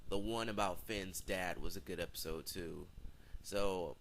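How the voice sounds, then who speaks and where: Low-voiced rambling teenage boy. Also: a bit bright, slight background noise, poor audio. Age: teens. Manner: rambling, hesitant, full of "like" and "um". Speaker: video reviewer. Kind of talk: casual spoken review.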